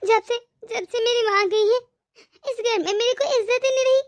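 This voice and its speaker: A woman's voice: very high-pitched, steady tone, normal speed, no room sound, clean studio sound. Woman doing a humble, hurt village woman. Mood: sad. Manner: soft, self-effacing.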